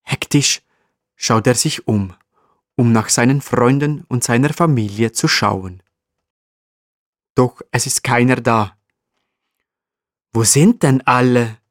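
A man narrating a children's story in a calm, evenly read way. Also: mid-range voice, dry recording, clean studio sound.

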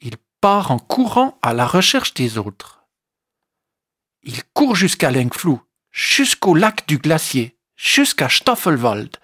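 A storyteller reading a children's animal story aloud in a slow, expressive way. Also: medium pitch, dry recording, studio quality. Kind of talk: scripted children's story narration.

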